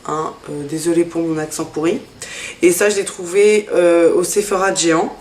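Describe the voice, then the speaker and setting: A woman's voice: fairly low pitch, steady tone, moderate pace, darkish tone, echoey room. A woman vlogger chatting casually through a makeup haul, hesitant, with many fillers. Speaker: beauty vlogger.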